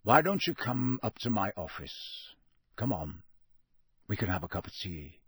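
A man voicing a gruff, intense old professor in an audiobook, growling out stern, emphatic warnings. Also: mid-range voice, big pitch swings, slow pace, a bit bright, no room sound, clean studio sound, exaggerated voice. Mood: gentler, gruff. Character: gruff old battle-scarred male professor, intense and commanding. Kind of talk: audiobook character voice.

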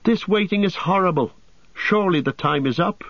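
A man voicing a young, impatient and excitable hobbit in an urgent, exclamatory way, for a storybook. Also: high-pitched, moderate pace, no echo, lo-fi sound, pitched above the performer's own voice.

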